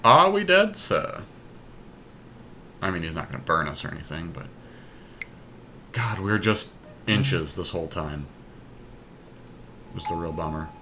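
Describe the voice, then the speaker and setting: Thinking aloud move by move, this man offers casual commentary to his teammate while playing an online card game as a podcast host. He sounds low, bright and forceful, very animated yet a little slow, with long pauses. Background noise is clear in the amateur screen capture.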